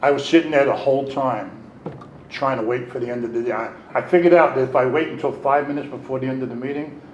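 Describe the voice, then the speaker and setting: A middle-aged man telling his recovery story at a meeting, candid and animated, acting out what others said. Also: mid-range voice, fast, echoey room, muffled recording, a little hiss or hum. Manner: candid, animated, acts out quotes. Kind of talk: personal storytelling.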